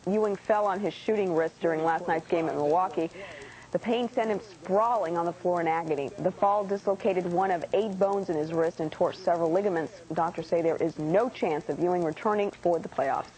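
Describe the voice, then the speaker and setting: A woman's voice: on the low side, fairly quick, dark tone, low-quality recording. A woman reading scripted news as a studio anchor.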